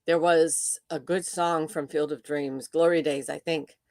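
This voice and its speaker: A woman's voice: deep voice, steady tone, unhurried, darkish tone, no room sound, clean studio sound. An older woman hosting a casual livestream, chatting with viewers and reading their comments aloud with frequent laughs. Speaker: livestream host.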